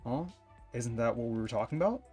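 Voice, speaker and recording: A man's voice: medium pitch, expressive, brisk, warm tone. A young man streaming a game, reading its dialogue aloud and adding wry, casual asides with the odd swear word. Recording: faint game music behind.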